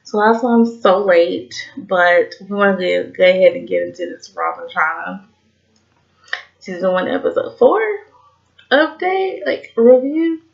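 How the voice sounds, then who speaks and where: With a medium-pitched, expressive, gravelly voice, a Southern woman in her twenties talks a little slowly through a casual TV review vlog. Tipsy and slightly slurring, she rambles, swears, and fills gaps with "like." The highs are cut off in the audio.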